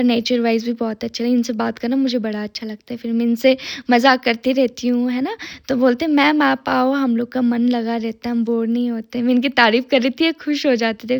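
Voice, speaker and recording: A woman's voice: on the high side, vocal fry. A woman who owns a salon, narrating her day in a chatty vlog and talking to her viewers between stories. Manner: chatty, talks nonstop, friendly asides to viewers. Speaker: salon owner vlogger.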